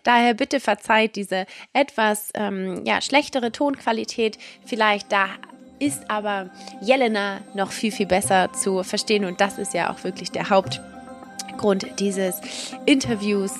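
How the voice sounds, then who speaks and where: A woman's voice: medium pitch, steady tone, measured pace, soft background music. A woman podcast host giving a personal, effusive introduction, repeating words for emphasis.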